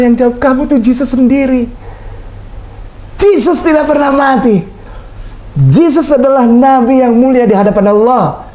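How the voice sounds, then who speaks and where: A woman's voice: medium pitch, mellow, reverberant. A woman preaching to a new convert in a dramatic, emphatic style, full of questions. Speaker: religious speaker.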